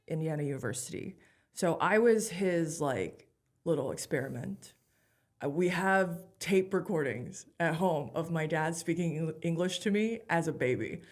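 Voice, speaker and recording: A woman in her thirties with a slightly low voice. She is a guest in a casual interview. She tells her story with candid, animated energy. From Taiwan. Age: 30s. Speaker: guest comedian.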